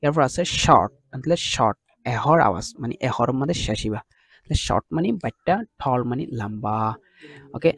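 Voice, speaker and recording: A man teaches an English grammar lesson, mixing English terms into his speech. His voice sits at an ordinary pitch with a gravelly edge. He explains patiently and step by step, often stopping to check that his students are following. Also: a little mellow, dry recording.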